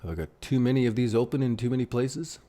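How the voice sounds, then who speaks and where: A man's voice: medium pitch, animated, fast talker, mellow. A man with a Canadian accent hosting a casual livestream, thinking aloud over charts and answering viewer chat. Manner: rambling, thinks aloud while drawing on charts. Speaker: crypto livestream host.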